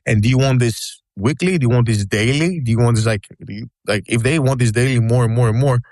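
A man from Greece chats about basketball on a podcast at a quick clip, words tumbling out and repeated. His voice sits mid-range and the recording is dry and close. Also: mid-range voice, dry recording. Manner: fast, excitable, repeats words and says "bro". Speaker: podcast co-host. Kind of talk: casual sports chat.

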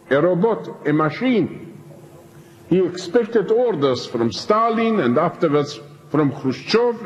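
On dull, lo-fi archive tape recorded in an echoing hall, an older man tells an audience his prison story as a preacher's testimony. He speaks slowly and deliberately with emphatic, pause-filled phrasing, his pitch fairly high and his tone darkish.

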